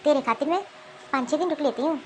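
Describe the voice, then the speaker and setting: A woman voicing a cheerful, forgiving middle-aged aunt in an animated cartoon, talking warmly and reassuringly. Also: high-pitched, fast, a little hiss or hum, lightly acted, poor audio.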